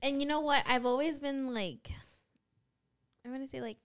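A woman's voice: sits high, normal speed, fairly bright tone. A woman guest on a podcast, talking casually in a rambling way full of fillers.

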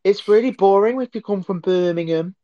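A man co-hosting a casual live podcast chat. He laughs often and thanks callers warmly. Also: sits high, fairly quick, highs cut off. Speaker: podcast co-host.

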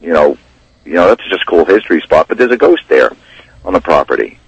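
A man's voice: deep voice, very animated, fairly quick, creaky, slightly rough. A man chatting casually as a guest in a radio interview, with a folksy, rambling way of talking that circles back over phrases. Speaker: radio guest, local ghost investigator and tour guide. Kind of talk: casual radio interview chat about local history. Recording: dull, roomy, lo-fi radio line.

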